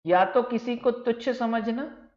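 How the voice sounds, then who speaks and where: A man's voice: extremely high pitch, measured pace, a little mellow. Patient male teacher in an echoey room. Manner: patient explaining, repeats key words, calls students "beta". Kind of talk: vocabulary lecture for exam students. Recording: echoey room, dull lo-fi sound.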